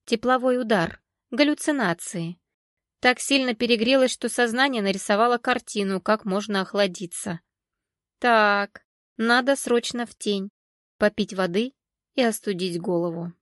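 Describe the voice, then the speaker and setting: A woman's voice: on the high side, moderate pace, fairly bright tone, no echo, studio quality, lightly acted. A woman voicing a serious, practical young woman who mutters her thoughts to herself, in an audiobook. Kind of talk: audiobook character voice.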